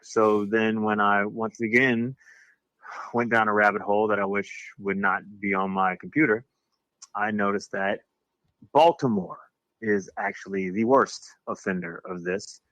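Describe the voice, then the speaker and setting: A man's voice: on the low side, fairly even intonation, measured pace, a bit bright, dry recording, low-quality recording. A man co-hosting a casual podcast, rambling and often restarting his sentences. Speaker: podcast co-host. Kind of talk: casual chat.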